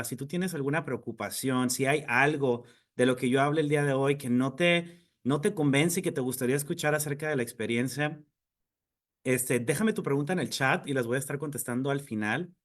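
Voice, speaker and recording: A Mexican man with a Mexican Spanish accent, speaking at a mid-range pitch for a man. He presents a webinar as a teacher. He talks in a friendly, earnest way and often pauses on fillers and restarts his sentences. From Mexico (Mexicali, Baja California). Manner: friendly, earnest, with frequent fillers and self-corrections.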